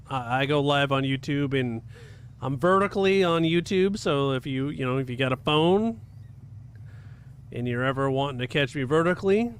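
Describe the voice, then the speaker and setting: A man casually chatting with his viewers while he live-streams a racing game. He talks in a relaxed way and chuckles often. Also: medium pitch, a little hiss or hum. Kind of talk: casual gaming stream chat.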